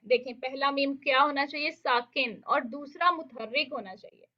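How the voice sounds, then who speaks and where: A woman teaching Quran recitation in an online lesson, explaining patiently step by step, checking in often, and reciting Arabic words slowly to demonstrate sounds. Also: high voice, muffled recording.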